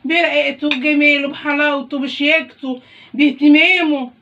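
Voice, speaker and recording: A woman's voice: sits high, little pitch movement, moderate pace, a bit bright, muffled recording, slight background noise. A young woman with an Egyptian Arabic accent bantering casually and teasingly with her husband, repeating phrases for emphasis. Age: young adult. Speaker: couple vlogger.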